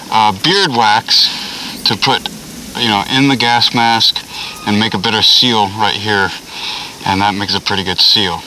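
Man talking through a gas mask. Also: lowish voice. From Tennessee. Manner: rambling, offhand, loose fillers. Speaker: gear reviewer. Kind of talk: casual demonstration. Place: outdoors. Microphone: voice amplifier on the mask. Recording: distant with steady noise.

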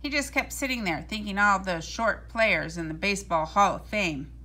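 In a medium-pitched voice, a woman reads aloud from a children's storybook, telling the story in a deliberate, expressive way.

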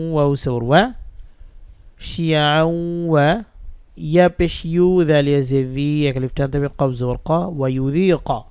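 Man teaching quran reading, spells everything out slow, smooth clear voice, dry close sound. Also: fairly high pitch, no room sound. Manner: slow, patient, spells out letters and vowel marks one by one. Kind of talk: spelled-out Quran recitation lesson. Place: indoors, rain audible outside.

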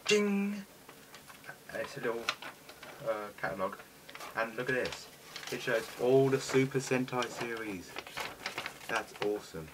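A man's voice: mid-range voice, moderate pace, long pauses, far from the mic. A British man gives casual, eager commentary while unboxing toys at home. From Britain. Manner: chatty, eager toy-collector enthusiasm. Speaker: toy reviewer. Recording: noisy home recording with clicks.

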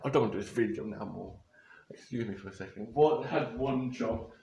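In a lo-fi, reverberant recording with slight background noise, a young adult YouTuber reacts to photos in his small bedroom, rambling and often correcting himself. His mid-range voice sounds warm and creaky, and he talks a little fast into a nearby webcam or phone camera.

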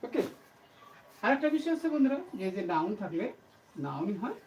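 Speaking a little fast in a medium-pitched, darkish voice with big pitch swings, a woman teaches grammar to camera. She explains emphatically and repetitively, posing questions and answering them herself. The mic is distant, with faint background noise.

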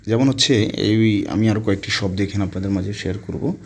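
A man from Bangladesh teaching spoken Arabic vocabulary, explaining words slowly and repeating them one by one. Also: fairly low pitch, slight background noise. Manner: slow, repetitive word-by-word explaining.

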